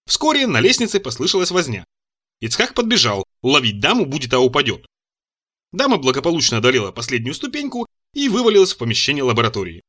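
An expressive male narrator reading a satirical story aloud. His voice is bright and a little higher than most men's, and his intonation rises and falls in lively arcs. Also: breathy edge. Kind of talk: audiobook narration.

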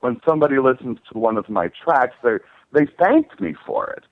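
Animated announcer-like man on a phone-like line. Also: medium pitch, fairly quick. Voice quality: clear diction, announcer-like voice. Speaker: singer being interviewed. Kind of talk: conversational interview.

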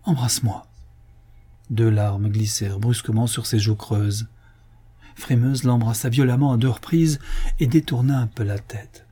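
Man reading a novel aloud, husky. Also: medium pitch, steady tone, warm tone. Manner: measured literary reading. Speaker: audiobook narrator. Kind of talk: scripted narration.

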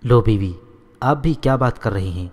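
A man's voice: medium pitch, a little mellow, big-room sound, lightly acted. A man voicing a devoted, simple-hearted female house maid in a storybook reading, in his own plain voice. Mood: devoted, pleading.

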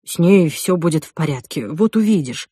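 A woman reading an audiobook voices a calm young man who speaks in a steady, soothing way. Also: low voice, moderate pace, slightly rough, no room sound, clean studio sound. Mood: reassuring.

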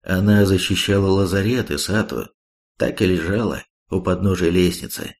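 A man reading the part of a calm, sad, resigned male war chief in an audiobook. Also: low voice, normal speed.

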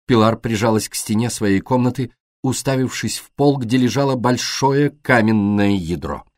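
A man narrating an audiobook in a measured, expressive reading style. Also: mid-range voice, no echo, studio quality.

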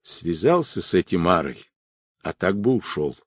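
A seasoned ex-convict, quiet, wry and laconic, full of criminal slang, as a man reads him in an audiobook. The voice is very deep and husky, and it sounds slow and unhurried. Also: big pitch swings, no room sound, clean studio sound, heavily acted.

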